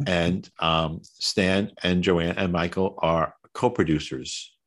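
A man's voice: low voice, fairly even intonation, slow. A man from Long Island with a Long Island New York accent, hosting a casual podcast interview in a jokey, self-mocking, chatty way. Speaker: podcast host.

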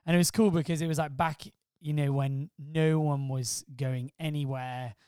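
His wife hosts the podcast, and he, a middle-aged man from Wales claiming no Welsh sound, joins her for casual chat full of jokes, teasing and stories. The voice sits on the high side, steady, warm and smooth at normal speed, captured dry in a clean studio.

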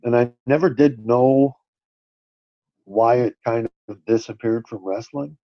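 Unhurried and medium in pitch, a man co-hosts a podcast with a relaxed, agreeable wrestling chat, frequently restarting what he's saying. The lo-fi audio is dull and dry, with no echo.

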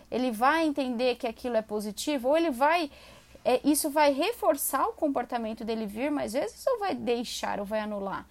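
A woman, a dog trainer explaining commands in a chatty, animated way. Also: sits high. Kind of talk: casual explanatory talk.

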